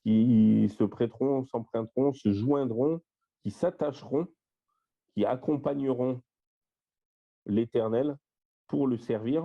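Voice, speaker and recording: A man leading an online Bible study over a shared screen, listing word meanings one by one with plenty of fillers. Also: medium pitch. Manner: lists word meanings in a slow, step-by-step way with fillers. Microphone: voice-call microphone. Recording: dull lo-fi voice-call audio.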